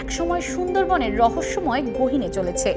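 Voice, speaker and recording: A woman's voice: high-pitched, very animated, moderate pace. A woman reading a formal, literary scripted television feature narration. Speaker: segment narrator. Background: music behind the voice-over.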